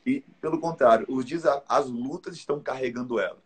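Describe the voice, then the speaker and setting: A man's voice: mid-range voice, brisk, slightly rough. A man, a pastor, talking in a reflective, emphatic way during a casual conversation.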